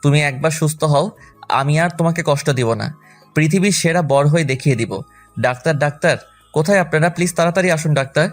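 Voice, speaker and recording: A man's voice: a little high, soft background music, lightly acted. A man playing a young husband who pleads at his wife's hospital bedside, speaking emotionally in an audio drama. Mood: pleading. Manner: emotional, pleading, rapid speech.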